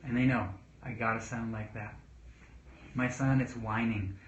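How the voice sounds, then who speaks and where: A man in his thirties, a father giving casual parenting talk to camera, earnest and rambling, pausing to read viewer questions. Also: medium pitch, fairly even intonation, slight background noise. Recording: echoey room, dull lo-fi sound.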